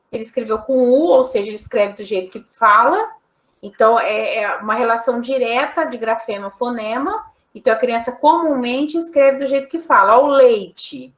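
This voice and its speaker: A woman's voice: fairly high pitch, a bit bright, reverberant. A woman teacher giving a recorded online lecture, explaining examples one by one with frequent tag questions.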